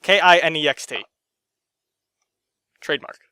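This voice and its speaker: Young male vlogger, sarcastic rant to camera, slightly high and crisp, swings loud to muttering. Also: measured pace, no echo. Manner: swings between loud outbursts and muttered asides, sarcastic, swears often. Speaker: gaming vlogger. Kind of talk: ranting to camera. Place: his own room.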